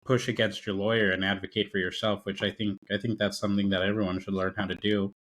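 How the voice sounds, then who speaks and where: A man hosting a podcast interview, speaking casually and halting as he restarts his phrases. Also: lowish voice, level tone, a bit bright. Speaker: podcast host.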